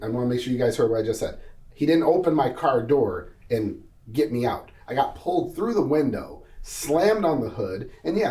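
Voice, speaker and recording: A man's voice: mid-range voice, dark tone, far from the mic. A man on a business panel telling a personal story in an earnest, vivid way, acting out each voice of the conversation. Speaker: panel guest. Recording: roomy sound from off mic.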